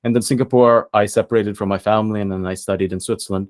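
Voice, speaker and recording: A young man from the Philippines, a podcast guest, talking casually and thoughtfully with many pauses and fillers. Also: fairly low pitch, fairly even intonation, a little mellow.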